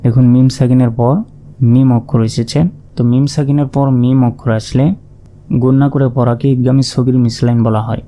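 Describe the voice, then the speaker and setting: In a slow Quran reading lesson given in Bengali, a man with a Bangladeshi accent calls out each letter and vowel mark separately and then chants the joined word. His voice is medium-pitched and mellow, brisk, with little rise or fall.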